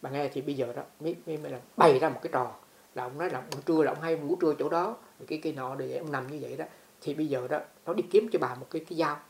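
Woman storyteller, dharma talk, low-pitched and rapid. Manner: animated, repeats words while telling.

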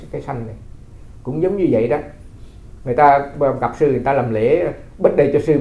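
A Buddhist monk giving a dharma talk, telling stories and asking rhetorical questions. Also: male voice, a little high. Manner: conversational storytelling with rhetorical questions. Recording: roomy, slightly dull recording.

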